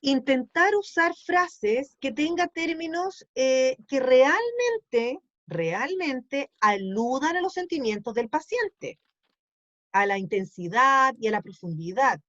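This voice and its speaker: A woman's voice: sits high, very animated, slow, fairly bright tone, dry recording, muffled recording. A woman teaching a class, explaining patiently and checking in often with questions. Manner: explanatory, asks ¿sí? to check understanding.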